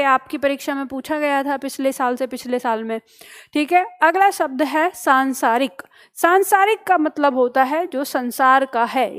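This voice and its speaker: High-voiced woman teaching spelling. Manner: explains step by step, often checking with "ठीक है?"; asks questions and answers them herself. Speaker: Hindi teacher. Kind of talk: spelling lesson for exam students.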